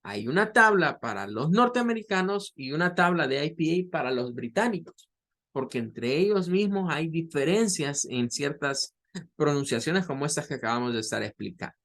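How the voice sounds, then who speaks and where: This higher-voiced male English teacher is very animated, with a fairly bright tone, in a recorded online lesson. Patient and slow, he demonstrates English words in long, drawn-out examples and frequently repeats words or starts phrases over.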